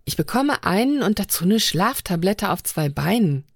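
A sharp-tongued young woman aboard a starship, pitched up and teasing, as a woman reads her in a storybook. The sound is dry and close. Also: big pitch swings, moderate pace, vocal fry, breathy edge, no echo, heavily acted. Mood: mocking.

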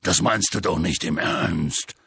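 A man voicing a huge, gruff male half-giant gamekeeper in an audiobook, with a deep, rasping voice and rough, folksy speech. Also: measured pace, a bit bright, dry recording, studio quality, exaggerated voice. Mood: alarmed. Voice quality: deep gravelly rasp. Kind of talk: audiobook character voice.

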